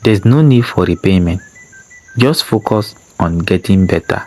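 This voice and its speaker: Guy reading as a tough foreman going soft, earnest and steady, lowish voice. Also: measured pace. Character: gruff but caring male foreman.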